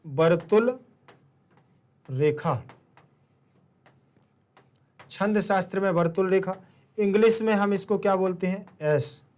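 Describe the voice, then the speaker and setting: A man's voice: high-pitched, slow, long pauses, darkish tone. A male teacher giving a classroom lecture, who asks his students questions and then answers them himself. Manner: calls listeners "beta".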